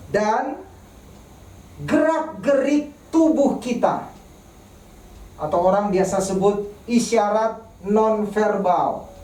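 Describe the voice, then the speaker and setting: A woman preaching a sermon in church, speaking slowly and deliberately and asking rhetorical questions of the congregation. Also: fairly high pitch, a little mellow. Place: church service broadcast online. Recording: echoey church room, mic at a distance.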